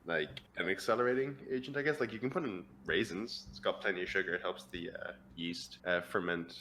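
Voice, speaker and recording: A man on a podcast, casually explaining something in a halting way with lots of fillers. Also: low-pitched, sharp tone, a little hiss or hum. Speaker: podcast co-host. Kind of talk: casual chat.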